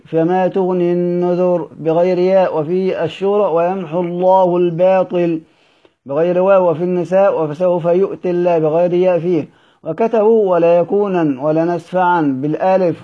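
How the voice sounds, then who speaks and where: A man teaching from a classical text, reading it at a measured pace and drawing out the quoted verses slowly. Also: high-pitched. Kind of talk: recorded study session reading. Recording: dull lo-fi recording.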